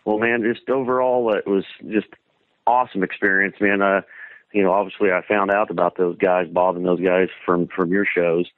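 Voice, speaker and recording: A low-voiced man from Kansas talks at normal speed with flat delivery and no room sound. He's a guest phoning in to a show for an interview, chatting eagerly and casually and saying "man" a lot.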